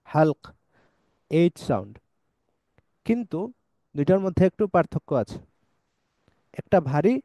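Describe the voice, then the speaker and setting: A man teaching Quranic letter pronunciation in a patient, explanatory way, modelling each sound slowly. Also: on the high side, mellow, dry recording. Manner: patient, models sounds slowly and recites verses in drawn-out chant. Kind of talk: explanatory lesson.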